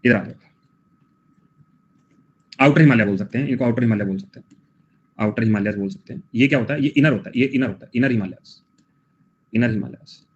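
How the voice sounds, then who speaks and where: A man's voice: mid-range voice, brisk, pauses often, slight background noise. A young man teaching a live online class in a casual, chatty way, joking with students between quiz questions. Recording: dull lo-fi sound.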